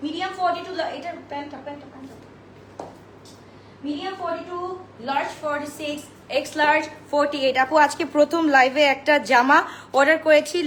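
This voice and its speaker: A high-pitched young woman hosts a live clothing sale, talking brightly to her viewers. She mixes English words into her patter and reads off sizes in a quick sing-song list. Her voice bounces around an echoey room with faint noise behind it. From Bangladesh. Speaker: online clothing seller. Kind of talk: live-stream sales pitch.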